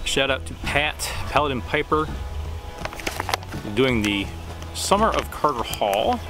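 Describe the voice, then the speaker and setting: Male vlogger, forties, medium pitch, unscripted outdoor chat, halting delivery, thinks aloud, camera at arm's length. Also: very animated, over music. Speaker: pipe-smoking vlogger. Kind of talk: casual rambling chat to camera. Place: outdoors in the woods by a creek. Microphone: camera at about arm's length.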